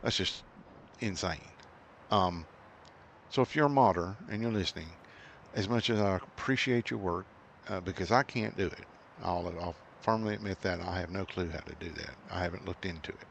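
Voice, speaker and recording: A middle-aged man with a very low, gravelly voice talks through a farming game in a loose, rambling way, full of fillers and restarts. He slides easily into exasperated rants. A faint hiss sits under his home desk-mic recording. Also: normal speed, a bit bright. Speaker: gaming channel host. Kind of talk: casual gameplay commentary.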